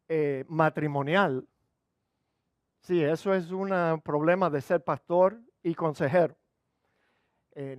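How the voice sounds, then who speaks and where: Older pastor guy preaching, kinda high voice, jokey stories, drops english words, dry close sound. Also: no room sound. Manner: humorous storytelling, conversational, code-switching into English. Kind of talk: sermon. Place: church.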